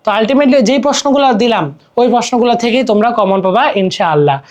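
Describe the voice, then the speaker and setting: A man's voice: very high-pitched, expressive, quick pace, a little mellow. A young man with a Bangladeshi Bengali accent teaching an exam-prep grammar lesson, explaining step by step and repeating words while asking checking questions. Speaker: tutor.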